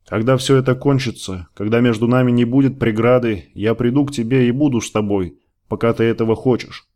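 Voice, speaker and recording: A man's voice: mid-range voice, fairly even intonation, brisk, mellow, close to an everyday voice. A man voicing an earnest young idealist fighter who pleads and promises, in an audiobook reading. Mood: tender. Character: young idealistic male rebel, earnest and in love.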